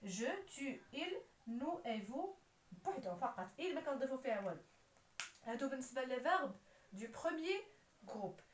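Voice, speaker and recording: A woman's voice: high voice, very animated, fairly quick, slight background noise. A woman with a Moroccan accent explaining French grammar as a teacher, spelling out letters and verb endings. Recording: roomy echo, voice somewhat far from the mic.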